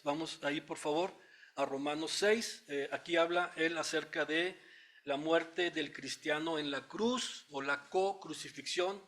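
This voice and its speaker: Mexican guy preaching bible study, kinda high voice, reads verses slow and thinks out loud. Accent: Mexican Spanish. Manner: teacherly, thinks aloud with fillers and asides; reads scripture aloud slowly. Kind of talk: expository Bible study sermon.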